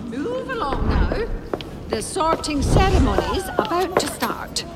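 A man's voice: very high voice, huge pitch swings, unhurried, voice pushed up, heavily acted. Guy doing a bossy old witch teacher, clipped and stern, storybook reading with heavy hiss. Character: stern older female witch teacher, brisk. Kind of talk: audiobook character voice.

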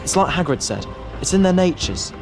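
A man's voice: sits high, big pitch swings, fairly quick, gravelly, heavily acted. Guy doing a blustery awkward teen boy, hot-headed, music playing behind. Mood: blustering. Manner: blustering and spluttering.

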